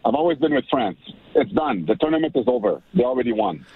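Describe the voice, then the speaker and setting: A man calling in as a guest on sports talk radio, excitable, often repeating himself and starting over. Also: medium pitch, fast, breathy edge, dry recording. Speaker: radio show guest analyst. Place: in Montreal. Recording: tinny phone line.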